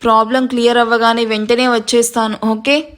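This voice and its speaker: A woman voices a young businessman husband in an audio story, calm, caring and a little firm. The voice stays high and even. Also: brisk, natural voice. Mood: reassuring. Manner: calm, reassuring.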